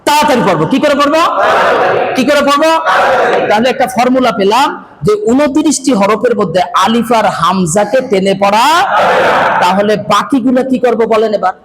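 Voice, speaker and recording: Male Quran reading teacher, very high voice, quizzes and drills the class; echoey, noisy room. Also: a little fast, crowd noise. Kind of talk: classroom lesson. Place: classroom with a board. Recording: echoey room, loud background noise.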